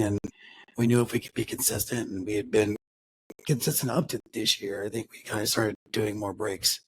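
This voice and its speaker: A man's voice: lowish voice, dry recording, rough recording. A man co-hosting a car podcast, chatting casually and rambling, with frequent restarts and acted-out quotes. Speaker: podcast co-host. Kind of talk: casual chat.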